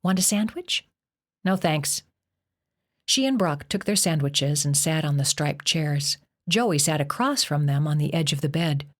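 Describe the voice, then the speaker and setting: A woman with a low voice narrates a novel as an audiobook, reading steadily and evenly. Her delivery is plain and measured. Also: expressive. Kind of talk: scripted narration.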